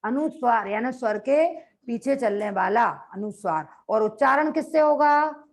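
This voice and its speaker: A woman teacher giving a grammar lecture, dictating notes slowly and repeating phrases, asking the class questions and answering them herself. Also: fairly high pitch, lively intonation. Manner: slow, repeats phrases for note-taking.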